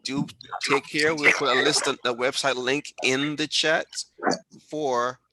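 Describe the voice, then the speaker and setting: Mężczyzna prowadzący webinar przez połączenie wideo, mówi z kaznodziejskim zapałem i powtarza hasła dla podkreślenia. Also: male voice, medium pitch, steady tone, measured pace, background noise. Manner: preachy, rallying, repeats for emphasis. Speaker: host. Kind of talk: motivational webinar hosting. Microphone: video call.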